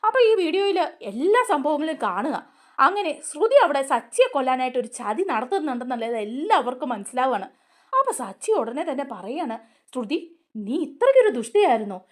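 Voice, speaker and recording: Woman recapping a tv serial, high lively voice, chatty with lots of fillers. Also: a little fast. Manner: animated storytelling with fillers. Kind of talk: retelling a TV serial episode.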